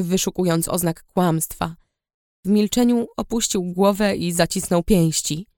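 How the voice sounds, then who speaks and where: A woman narrating a fantasy audiobook in first person, steady and measured. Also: mid-range voice, dry recording, clean studio sound.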